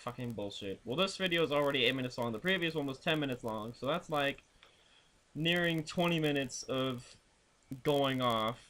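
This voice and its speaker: A man's voice: mid-range voice, expressive, moderate pace, a bit bright. A young man in a video blog, ranting crudely and swearing constantly while telling road trip stories. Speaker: vlogger. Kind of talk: profane ranting vlog.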